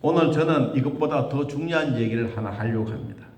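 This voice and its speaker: A man preaching a sermon as pastor, asking rhetorical questions and acting out the voices he quotes. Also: fairly quick. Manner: animated, with sudden high jumps in pitch and rhetorical questions. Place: church sanctuary. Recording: echoey church hall.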